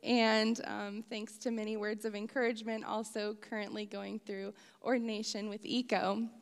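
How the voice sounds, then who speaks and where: A young woman preaching a sermon in church, earnest and warm, with touches of light humor. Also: medium pitch, level tone, normal speed, clean tone. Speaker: interim women's ministries director, preacher. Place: church sanctuary. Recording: long hall reverb.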